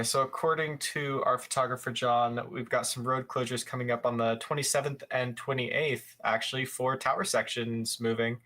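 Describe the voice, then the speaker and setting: Young man, casual live commentary, lots of ums, corrects himself, mid-pitched voice. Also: pushed and bright. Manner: rambling, frequent fillers and self-corrections. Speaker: live show host.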